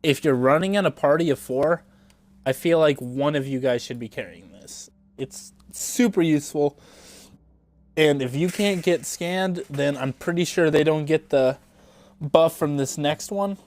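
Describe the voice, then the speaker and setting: A young man with a fairly high-pitched, unhurried, slightly mellow voice, stuffy and congested from a cold. He's a gameplay streamer casually commenting as he plays, rambling, thinking aloud, and swearing now and then.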